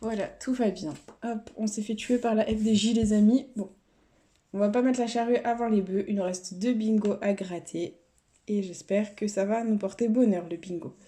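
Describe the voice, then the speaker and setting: A woman's voice: medium pitch, fairly even intonation, moderate pace, warm tone. A woman YouTuber giving casual running commentary to her viewers, chatty, sometimes dropping to mutters and whispers. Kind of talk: casual running commentary while scratching lottery tickets. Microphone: camera set up on a table.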